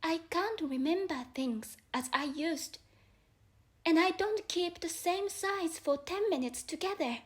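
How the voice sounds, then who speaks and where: A woman's voice: very high-pitched, a little slow, voice pushed up. A woman voicing a polite, puzzled young girl in a storybook reading, speaking earnestly and carefully. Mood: restrained, unhappy.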